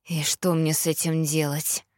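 A stern, protective police father, as a woman narrator puts him on. The voice is lowered, and he speaks firmly with a tired weight. The sound is dry and close. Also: level tone, a little slow, a little mellow, no echo. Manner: firm and weary.

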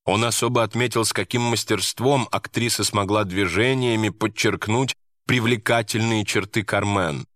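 A male audiobook narrator reading a story in an even, measured way. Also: fairly low pitch, no room sound, studio quality. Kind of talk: scripted narration.

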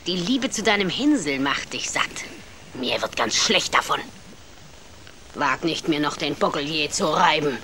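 A woman's voice: deep voice, animated, unhurried, pushed and bright, a little hiss or hum, full character voice. An actress playing a cruel, greedy, half-blind old witch in a radio play, cackling and taunting, sometimes dropping to sly whispers.

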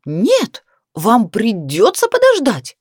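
A woman voicing an insistent female neighbor who takes charge with a raised, higher voice. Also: sing-song, moderate pace, dry recording, studio quality. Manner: commanding, insistent.

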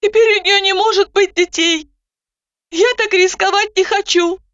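A woman voicing a frightened young pregnant woman who pleads in a high, panicky voice, on a dull lo-fi recording. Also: fairly even intonation, moderate pace, a bit bright, dry recording. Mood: anxious. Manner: shrill, panicky, lisping out protests.

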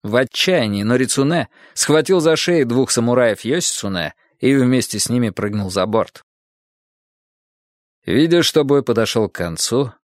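A man's voice: mid-range voice, no echo. Man reading an audiobook, dry studio sound. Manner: dramatic, measured storytelling. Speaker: audiobook narrator. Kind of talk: scripted history audiobook narration.

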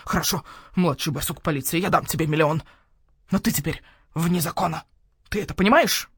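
A woman's voice: sits low, brisk, a bit bright, husky, dry recording, heavily acted. A woman voicing a nervous, wheezing owl shopkeeper who stammers hoots into his words, in a dry audiobook recording. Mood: flustered. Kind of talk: audiobook character voice.

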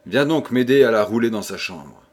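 A man's voice: on the low side, lively intonation, normal speed, husky. A man voicing an anxious husband who turns curt and brutal, in an audiobook reading. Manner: curt, irritated.

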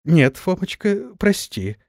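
A man's voice: mid-range voice, big pitch swings, moderate pace, darkish tone, no room sound, clean studio sound, close to an everyday voice. A man voicing a brash, cheeky young elf girl in an audiobook, squealing and whiny. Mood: pleading.

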